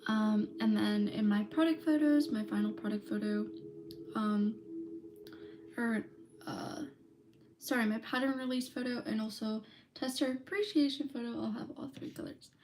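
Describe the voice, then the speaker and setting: A woman's voice: fairly high pitch, moderate pace, slight background noise. A young woman vlogging while she crochets, chatting casually and filling her talk with "like" and "um" as she reads live comments. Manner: chatty and relaxed, with many "like" and "um" fillers. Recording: loud background music under the voice.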